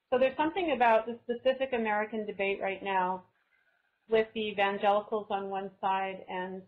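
A woman from Canada, a guest author in a thoughtful, casual webinar conversation who often restarts her phrases as she thinks. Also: medium pitch. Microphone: video call. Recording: slightly dull lo-fi video call audio.

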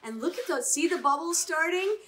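A woman's voice: very high-pitched, animated, brisk, a bit bright. A middle-aged woman chef giving an upbeat cooking demonstration in a home kitchen, often checking in with "right?".

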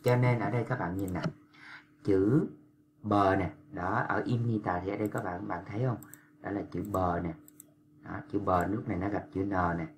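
A man walks learners through pronunciation in a very deep voice. He talks patiently and stretches out syllables when he demonstrates them, with a faint background hum. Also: steady tone, normal speed. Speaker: Korean language teacher. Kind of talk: explanatory lesson for language learners.

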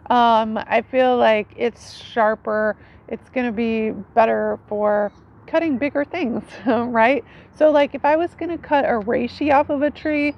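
A woman in her forties with a fairly high voice chats casually to camera, like a foraging teacher showing off her knives. She stands under a tree in a leafy yard, keeps things conversational and often checks in with a "right?" The recording sounds dull, with outdoor ambient noise.

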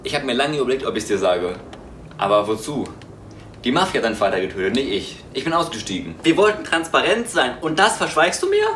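A man's voice: mid-range voice, a little fast, echoey room, slight background noise. A man playing a hot-tempered young ex-mafioso on the run, in an amateur audio drama. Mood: heated. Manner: heated, animated delivery.

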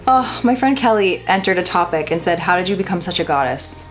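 A woman's voice: on the low side, lively intonation, brisk, rough recording. A woman in her twenties doing a casual, chatty makeup tutorial, giggly and tipsy, rambling with swearing and self-deprecation. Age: 20s. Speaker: makeup vlogger. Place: home bedroom, indoors. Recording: music playing behind the voice. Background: background music.

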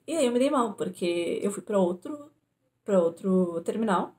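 A woman's voice: medium pitch, moderate pace. A young woman from Brazil with a southern Brazilian accent, casually telling a story to camera at home and acting out her own pleas. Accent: southern Brazilian Portuguese. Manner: animated retelling, acts out her own panicked pleas. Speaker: vlogger. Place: indoors at home.

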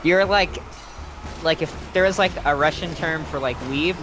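A man's voice: on the high side, moderate pace, music in the background, rough recording. A young man chatting casually as he plays a co-op game. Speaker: co-op game player. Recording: loud game noise behind voice. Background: video game ambience.

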